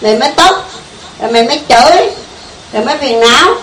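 High-voiced Southern Vietnamese woman teaching. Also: expressive, fast, fairly bright tone. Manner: conversational, keeps asking the listeners questions. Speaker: Buddhist meditation teacher. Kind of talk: informal dharma talk to a group. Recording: echoey room, mic far off, faint hiss.

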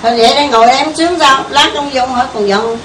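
Woman, Southern Vietnamese accent, Buddhist teacher, high voice, echoey room, mic at a distance. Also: racing. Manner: conversational, keeps asking the listeners questions. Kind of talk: informal dharma talk to a group. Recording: echoey room, mic far off, faint hiss.

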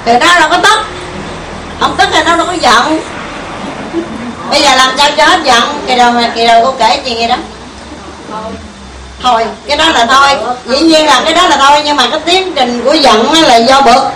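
A woman speaks fairly quickly in a high-pitched voice, leaving long pauses, as she gives an informal Buddhist meditation talk to a group. Her Southern Vietnamese accent comes through, and she keeps things conversational with frequent questions to listeners. The recording is echoey, far-miked, and faintly hissy.

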